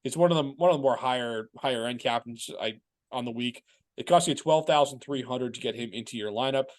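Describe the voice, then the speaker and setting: A man hosting a casual sports podcast talks at a rapid pace, his voice sitting in a middle register. He is from Massachusetts and chats loosely, often restarting his sentences. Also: mid-range voice. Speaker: podcast host.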